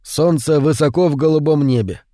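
A man reading a short story aloud, slow and brooding, raising his voice for the quoted lines. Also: fairly high pitch, no echo, clean studio sound. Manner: slow, hushed and brooding, with louder acted quotes. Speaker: audiobook narrator. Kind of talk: scripted narration of a short story.

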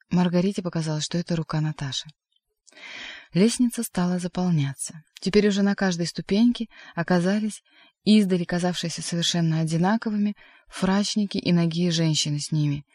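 A narrator giving a measured, expressive reading of a literary audiobook. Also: mid-range voice, dry recording, studio quality.

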